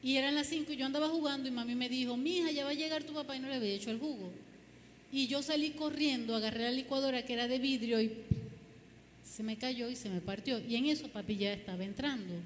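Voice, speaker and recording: A woman's voice: fairly high pitch, fast talker, a little hiss or hum. Woman, Zulian Venezuelan accent, church testimony, emphatic storytelling, long hall reverb, faint background ambience. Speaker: church speaker giving testimony.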